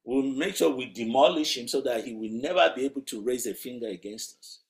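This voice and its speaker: A man's voice: mid-range voice, fairly quick. A man preaching a sermon in a conversational, emphatic way, asking rhetorical questions. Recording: roomy echo.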